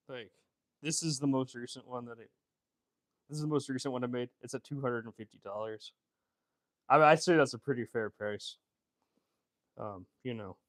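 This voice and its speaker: A man with a medium-pitched voice, a fashion designer, chats casually on his livestream and answers what viewers write. He rambles with many fillers and restarts, and the audio has no echo.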